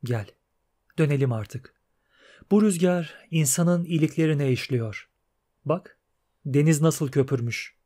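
A man's voice: fairly high pitch, slow pace, pauses often, warm tone. Man reading a patient young woman poet.

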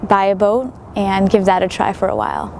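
A woman's voice: medium pitch, little pitch movement, brisk, vocal fry, heavy background noise. A young woman in her twenties, a sailor and writer, giving reflective interview answers outdoors at a marina, with many fillers and restarts.

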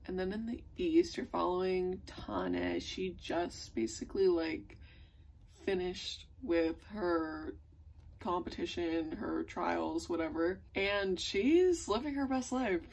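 A woman talks straight to camera in a loose, gushing chat, leaning on likes and ums. Her voice is breathy and a little husky, and she takes her time. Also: fairly low pitch, a little mellow. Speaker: book vlogger. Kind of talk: casual chat.

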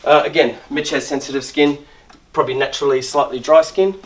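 A middle-aged man with a slightly high voice and fairly even intonation talks briskly as he demonstrates a trim and shave step by step in a barber shop. Working as he explains, he frequently restarts and repeats words.

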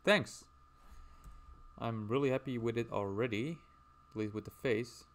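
A man's voice: medium pitch, a little slow. A man streaming casually as he draws, rambling and chatting while reading out viewer messages. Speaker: livestreamer.

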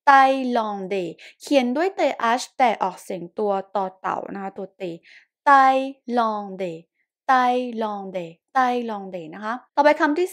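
A woman from Thailand teaching French pronunciation, repeating each word slowly and patiently with polite, gentle phrasing. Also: fairly high pitch. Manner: slow, patient word-by-word repetition. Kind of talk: pronunciation lesson.

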